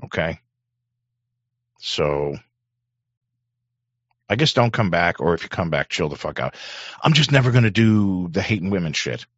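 Host, middle-aged man, extremely low, hoarse voice, rambling profane monologue on a dry, dull-sounding studio mic. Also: animated, measured pace, pauses often, dry recording. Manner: rambling, profane, frequent throat-clearing. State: hoarse throat. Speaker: show host. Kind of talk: casual on-air monologue. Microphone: studio microphone.

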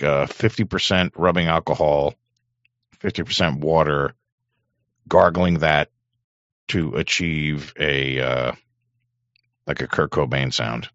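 A middle-aged man with a hoarse throat hosting an on-air show, rambling and swearing, often clearing his throat. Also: a bass voice, a bit bright, no room sound. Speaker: show host. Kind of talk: casual on-air monologue. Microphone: studio microphone. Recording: dry, dull lo-fi mic.

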